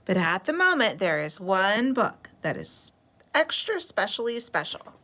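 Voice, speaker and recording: A woman reading a picture book aloud to children in an animated, expressive way. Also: mid-range voice, measured pace.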